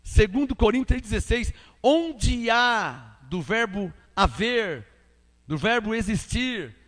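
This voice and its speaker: A man preaching an emphatic sermon with a Brazilian Portuguese accent, asking rhetorical questions and swinging between loud and quiet. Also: high-pitched, very animated, takes it slowly, long reverb tail.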